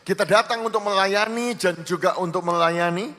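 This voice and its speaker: A man with a high voice works as a live sermon interpreter. He delivers each phrase in turn, and a long hall reverb trails behind him. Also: moderate pace, sharp tone. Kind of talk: live consecutive interpreting on stage.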